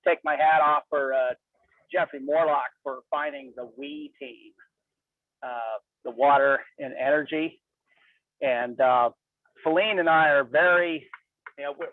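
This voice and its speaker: A man's voice: on the high side, no room sound. Man calling in on a tinny phone from his car. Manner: halting, rambling, many fillers and restarts. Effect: calling in by cell phone from a moving car. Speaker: caller. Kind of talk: call-in open mic. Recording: tinny distant phone line.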